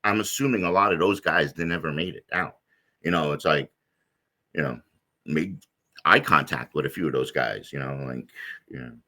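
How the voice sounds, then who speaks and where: A middle-aged man with a very deep, low voice and a bright, forceful edge. He tells his story in a loose, rambling way, full of fillers and restarts, as a guest in an interview. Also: moderate pace, pauses often.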